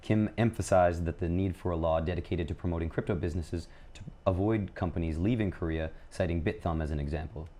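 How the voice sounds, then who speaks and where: A man from Canada co-hosting a casual news chat, delivering news items in a brisk, relaxed way. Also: deep voice. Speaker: co-host.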